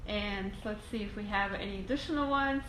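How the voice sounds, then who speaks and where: A woman from Russia, a real estate investing educator, answering viewer questions in a casual Q&A video, halting with frequent ums and restarts. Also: mid-range voice, a bit bright. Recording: echoey room, faint ambient hiss.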